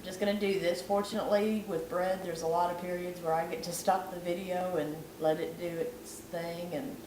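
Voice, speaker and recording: Recorded far from the camera in an echoey home kitchen at night, with background noise, a woman vlogger talks through a cooking tutorial as her voice gives out. She's chatty and self-deprecating. Her voice is fairly low, level in tone, at normal speed.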